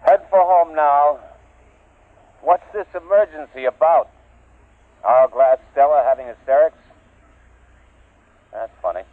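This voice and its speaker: Actor as a doomed male field captain, slow speech, dry tinny radio sound. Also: on the high side, dry recording, natural voice. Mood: casual. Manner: casual, then screaming in panic. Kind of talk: 1950s radio drama acting.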